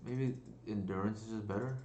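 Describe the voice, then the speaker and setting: A man's voice: lowish voice, fairly even intonation, fairly quick, mellow, reverberant, slight background noise. A man streaming a card game, thinking aloud in a casual, hesitant way with many fillers. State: burping and coughing at times. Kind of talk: casual live-stream commentary.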